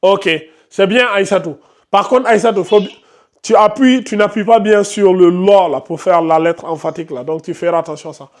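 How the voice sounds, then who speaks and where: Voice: mid-range voice, moderate pace, a little mellow. A Quran recitation teacher leading a class, patiently questioning students by name and correcting their reading.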